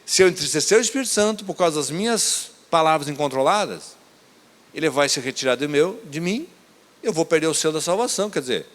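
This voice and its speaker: Man, pastor, church sermon, emphatic, somewhat high-pitched, long church reverb. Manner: emphatic preaching, swings between raised appeals and soft asides. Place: church service.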